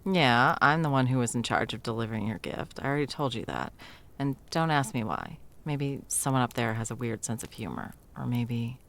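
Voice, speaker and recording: In an intimate ASMR audio roleplay, a woman plays a sarcastic, self-doubting and hesitant Christmas elf. Her creaky, bass voice is animated at a moderate pace, and the mood is soft and rueful.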